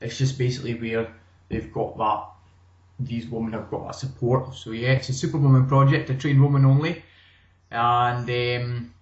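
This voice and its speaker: A man's voice: mid-range voice, normal speed. Scottish man on a roomy, muffled line. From Scotland. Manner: relaxed, conversational, many restarts. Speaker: gym owner and guest. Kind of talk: casual interview chat.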